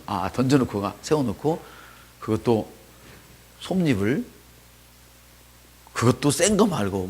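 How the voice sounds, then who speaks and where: A male pastor delivering a sermon in a church, his voice at a middle pitch. He shifts from hushed storytelling to loud, lifted exclamations and calls the congregation to repeat after him. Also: breathy edge. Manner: swings from soft asides to loud preaching, asks the congregation to repeat.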